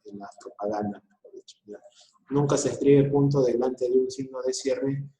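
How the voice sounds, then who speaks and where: A man's voice: medium pitch, normal speed, dark tone, roomy sound, rough recording. A male school teacher giving a recorded online class, explaining patiently and often checking in with short questions.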